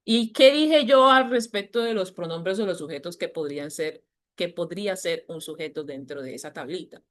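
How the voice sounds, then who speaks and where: A woman teacher explaining grammar to a class, patiently repeating key points and slowing down to stress them. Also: on the low side. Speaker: English teacher.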